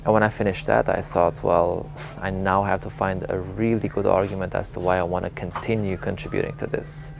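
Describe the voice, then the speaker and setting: Low gravelly-voiced man from Lebanon. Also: flat delivery, brisk, few pauses. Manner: candid, reflective, with small laughs and fillers. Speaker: interviewee, vegan advocate. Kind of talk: relaxed storytelling interview.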